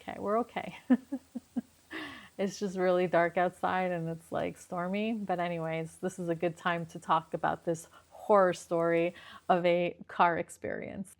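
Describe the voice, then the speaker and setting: A middle-aged woman vlogger casually telling a personal story, quoting the dialogue as she goes, recorded in a parked car during a storm. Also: on the low side. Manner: emotional, retelling with quoted dialogue.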